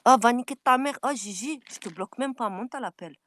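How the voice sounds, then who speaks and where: A woman on a furious, taunting rant, repeating her challenges and swinging between yelling and low, menacing mutters. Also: a little fast, a little hiss or hum. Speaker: social media personality. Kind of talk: angry direct-to-camera rant.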